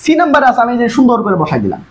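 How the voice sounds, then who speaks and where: Fast-talking, high-voiced woman tutor. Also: wildly swooping pitch, darkish tone, rough recording. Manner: fast, coaxing, repeatedly urging students to look. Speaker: English tutor. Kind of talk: online exam-prep lesson.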